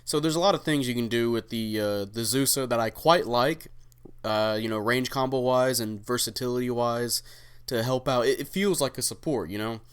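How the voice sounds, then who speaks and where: A young man hosting his own channel, giving relaxed, rambling commentary over his gameplay with many fillers and casual swearing. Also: mid-range voice, normal speed, smooth. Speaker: gaming channel host.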